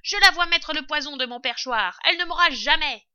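A woman voicing a bossy male rat with a shrill, squealing, scolding voice. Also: brisk, pushed and bright. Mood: mocking. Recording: dull lo-fi recording.

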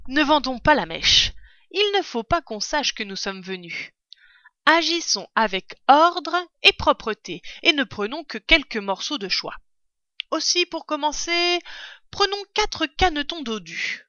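A woman's voice: high voice, big pitch swings, a little slow, pushed and bright, dry recording, voice pushed up, exaggerated voice. A woman voicing a proud, cunning male fox father in a storybook reading, with an exuberant, bossy, theatrical manner, on a dull lo-fi recording. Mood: gleeful.

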